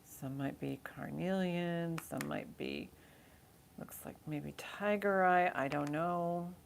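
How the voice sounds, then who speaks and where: Casting: woman, deep-pitched casual auctioneer for live selling, informal and chatty, faint noise behind. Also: slow pace, vocal fry. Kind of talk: casual live-sale auctioneering, counting down bids.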